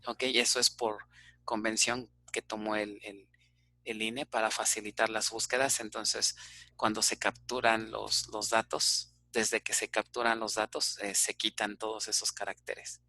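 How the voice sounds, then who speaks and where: A man's voice: lowish voice, flat delivery, a little slow, pushed and bright, dry recording. A man with a Mexican Spanish accent teaching an online database class, explaining step by step and checking in with frequent "ok?" fillers.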